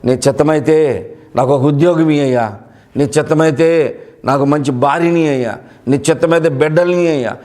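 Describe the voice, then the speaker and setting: A young man runs through a list of requests in prayer, voiced by a male preacher. The voice is fairly high, with a steady, list-like rhythm. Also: normal speed, natural voice. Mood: asking. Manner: listing requests. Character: young man asking God for things.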